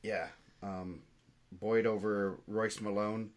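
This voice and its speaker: A man co-hosting a casual podcast about high school wrestling, running through results in a steady, list-like way. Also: slow pace. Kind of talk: casual sports chat.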